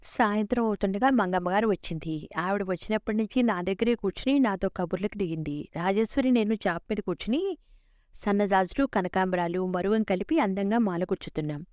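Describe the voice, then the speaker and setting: A woman narrating a serialized story in a steady, even storytelling manner. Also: mid-range voice, brisk, dry recording, studio quality.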